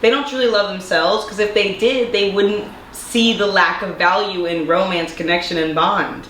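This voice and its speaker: In an echoey room with faint background noise, a young woman vlogger, a little stuffed up, speaks sincerely to camera and poses rhetorical questions. Her voice is medium-pitched, steady and fairly bright, at normal speed.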